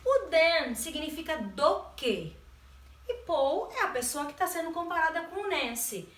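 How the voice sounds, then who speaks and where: A woman's voice: extremely high pitch, sing-song, a little slow. A woman with a Brazilian Portuguese accent teaching an English grammar lesson, patiently stretching key words and checking that the learners follow. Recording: roomy sound from a distance.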